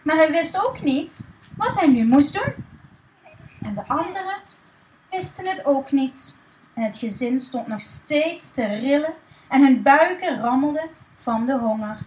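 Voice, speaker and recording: A woman reading a children's story aloud in a lively, expressive way. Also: high-pitched, a little slow, roomy sound, a little hiss or hum, low-quality recording.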